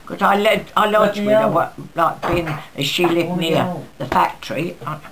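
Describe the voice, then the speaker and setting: A woman's voice: lowish voice, normal speed, noisy background. A woman of ninety-eight tells stories of her past in a chatty, rambling way, acting out bits of dialogue. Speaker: interviewee recalling her wartime life. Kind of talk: casual spoken reminiscence. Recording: busy background chatter around the voice.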